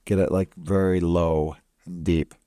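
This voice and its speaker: A man narrating a casual software tutorial as an editing instructor, recorded as a close voice-over. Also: sits low, level tone, unhurried, no room sound.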